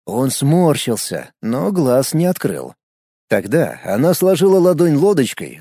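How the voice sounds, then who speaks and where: A man reading an audiobook with expressive storytelling. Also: fairly high pitch, no echo, clean studio sound. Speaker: audiobook narrator. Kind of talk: scripted narration.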